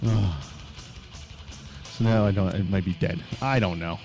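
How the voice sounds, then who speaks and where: A man's voice: low-pitched, measured pace, darkish tone, soft background music. A man co-hosting a podcast, chatting in a rambling, laid-back, joking way. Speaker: podcast co-host. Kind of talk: casual chat.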